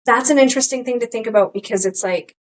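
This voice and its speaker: A middle-aged woman co-hosting a podcast, talking candidly in casual chat, rambling with many restarts and animated quotes of her own thoughts. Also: a little high, fast talker, low-quality recording. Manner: rambling, restarts often, animated quoting of herself. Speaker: podcast co-host.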